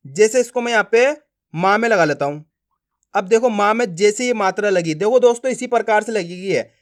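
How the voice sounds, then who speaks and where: Male teacher, beginner reading lesson, slow drilled syllables, classroom prompts, close mic. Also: sits high. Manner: slow drilled pronunciation, repeated prompts to learners.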